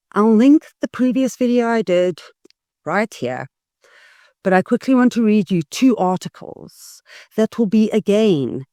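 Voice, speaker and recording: A South African political YouTuber delivers emphatic, scathing commentary in an opinionated vlog, leaning hard on key words. The voice is mid-range and warm, recorded at studio quality with no room sound.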